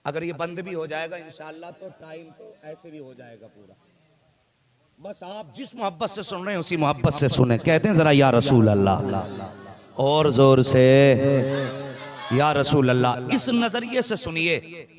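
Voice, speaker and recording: A man's voice: fairly high pitch, normal speed. A man from Moradabad in India preaching a devotional sermon, telling the story with mounting passion and calling out to his audience. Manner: impassioned, building to fervent climaxes and calling on the audience. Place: religious gathering before a live audience. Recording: live event with audible crowd.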